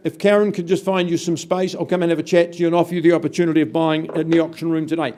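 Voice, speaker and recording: A man's voice: a little high, level tone, racing, darkish tone. A New man calling an auction, chatty and teasing the bidders between calls. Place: auction room.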